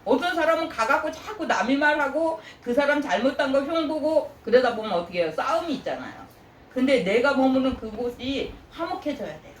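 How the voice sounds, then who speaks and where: A woman pastor preaching a sermon, animated, often asking the congregation questions and acting out God's praise in a high voice. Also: fairly quick, a little hiss or hum. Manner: asks the congregation questions, prompting with "예?". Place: church sanctuary. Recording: echoey church room, voice from a distant mic.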